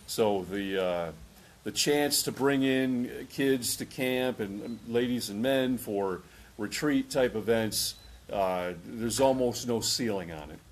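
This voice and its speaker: A man from New York, a visiting pastor, talking in an earnest, measured way with hesitant fillers in a casual interview. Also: mid-range voice.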